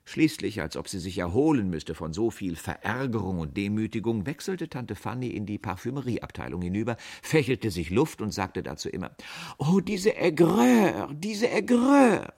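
A man narrating a humorous short story with wry, expressive delivery. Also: on the low side, fairly quick, hardly any pauses.

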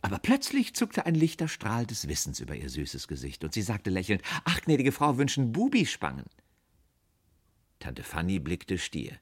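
A man narrating a humorous short story with wry, expressive delivery. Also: low-pitched, moderate pace, hardly any pauses, slightly rough.

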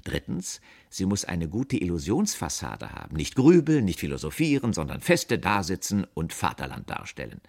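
A man's voice: huge pitch swings, normal speed, vocal fry, darkish tone, full character voice. A man voicing a young, dreamy, mocking woman who lectures in a raised, playful voice. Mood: lecturing. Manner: teasing, lecturing in a lighter, higher voice.

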